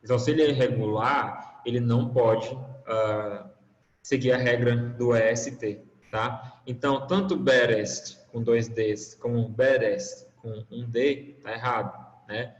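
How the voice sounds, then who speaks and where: Patient teacher in an echoey room. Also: male voice, medium pitch, fairly even intonation, unhurried. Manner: patient, explaining with frequent check-ins like "né?" and "tá?". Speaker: English teacher. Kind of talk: online class explanation. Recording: roomy, reverberant, dull lo-fi call audio.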